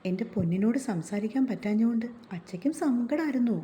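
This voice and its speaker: A woman voicing a caring young husband who speaks gently and coaxingly in a read-aloud story. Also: on the high side, lively intonation, quick pace, natural voice. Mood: tender.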